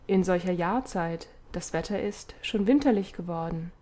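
A woman voicing a stately, motherly city goddess in an audiobook, with a measured, gently reproachful delivery. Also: on the low side, lightly acted. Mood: fond. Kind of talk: audiobook character reading.

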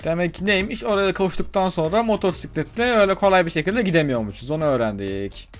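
A man giving let's play commentary as a gaming YouTuber, excitable, talking himself through the game and swinging between loud cheers and hushed muttering. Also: sits high, fast, soft background music.

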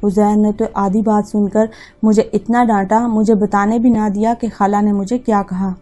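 A woman voicing a sharp-tongued young daughter-in-law who talks back defensively in a mellow, low-key tone. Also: flat delivery, normal speed, natural voice. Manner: snappish and defensive.

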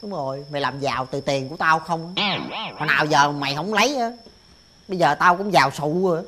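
A woman's voice: low-pitched, fairly quick, slight background noise. A woman with a Southern Vietnamese accent playing a stingy, suspicious older sibling, accusing and whiny. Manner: accusing and whiny, swings from pleading to shouting. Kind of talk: rural family TV drama.

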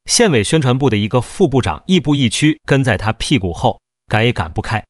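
A man narrating a first-person novel as a storyteller, in a steady, even read. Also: medium pitch, brisk, no room sound, studio quality.

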